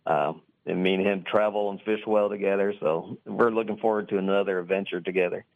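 Low-voiced man on a tinny phone line. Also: steady tone, brisk, vocal fry. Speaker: radio show guest, angler. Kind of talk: casual chat, storytelling. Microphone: phone call.

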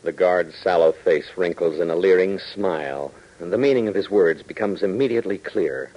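An American man announces emphatically and dramatically in 1940s radio style, his voice low-pitched and a little mellow at normal speed. The muffled audio comes from an old 1940s radio broadcast recording.

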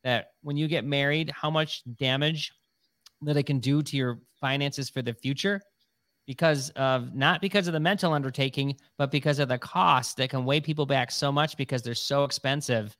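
A man's voice: medium pitch, moderate pace, fairly bright tone, no echo. A middle-aged man hosting a podcast, talking in a rambling, chatty way with many fillers. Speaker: podcast host. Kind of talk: casual podcast chat.

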